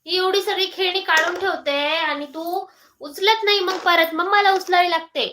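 A woman's voice: very high-pitched, steady tone, moderate pace, sharp tone, slight background noise. A young woman chatting on a phone live stream, coaxing her toddler in sing-song baby talk and greeting viewers. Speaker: mother hosting a live stream.

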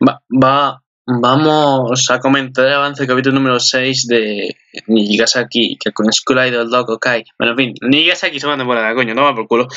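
A man's voice: medium pitch, bright, forceful tone, muffled recording. A man hosting his own channel, rambling through casual commentary with crude jokes and lots of fillers. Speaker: channel host. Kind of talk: casual commentary on an anime preview.

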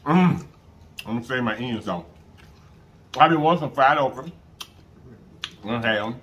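A man's voice: mid-range voice, animated, a little slow, fairly bright tone. A man talking with his mouth full, murmuring approval as he eats on a casual food vlog. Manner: murmurs of approval while chewing. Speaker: mukbang co-host. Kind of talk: casual eating chat. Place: indoors at home.

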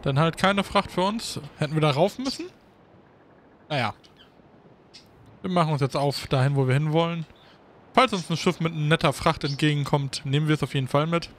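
A man giving casual gameplay commentary as a Let's Play host, thinking aloud in a relaxed, chatty way. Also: a little high, moderate pace, pauses often, a little hiss or hum.

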